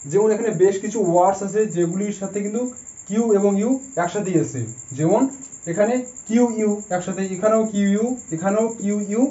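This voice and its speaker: High-voiced man teaching in an echoey room. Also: mellow, lo-fi sound. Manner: patient, spells words letter by letter. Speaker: English spelling teacher. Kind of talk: explaining a lesson step by step.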